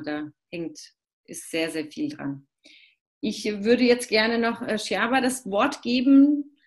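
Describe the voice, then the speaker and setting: A woman moderating a webinar over a video call, her voice a little low for a woman. She talks briskly, agrees readily with panelists and lifts her voice when stressing a point. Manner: affirming, brisk, animated emphasis.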